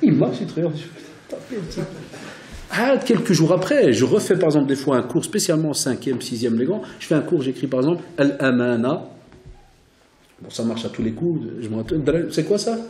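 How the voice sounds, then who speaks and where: A man who teaches religion, giving an animated religious lecture full of stories and Arabic religious phrases. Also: a little high, fairly quick. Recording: roomy hall reverb.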